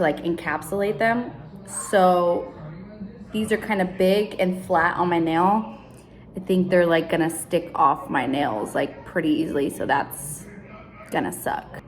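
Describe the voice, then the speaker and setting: A woman in her early thirties chatting casually in a rambling, conversational way for a home vlog, often saying "like". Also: lowish voice. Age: early 30s. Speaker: vlogger. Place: indoors at home.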